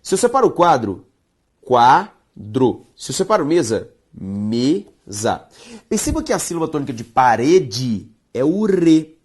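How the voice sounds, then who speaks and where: Animated Brazilian woman teaching grammar. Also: deep voice, breathy edge. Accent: Brazilian Portuguese. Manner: emphatic, drawn-out stressed words, addresses viewers directly. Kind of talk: online grammar lesson.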